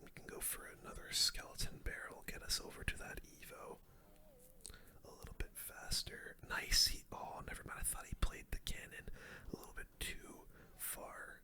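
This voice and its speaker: In a full ASMR whisper at normal speed with a sharp tone, a young adult gives casual, slang-filled gamer commentary over their own gameplay.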